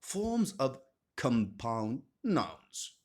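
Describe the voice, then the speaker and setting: A man teaching an English grammar lesson, speaking slowly and deliberately and repeating each term with strong stress. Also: medium pitch, very animated. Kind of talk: scripted grammar lesson narration.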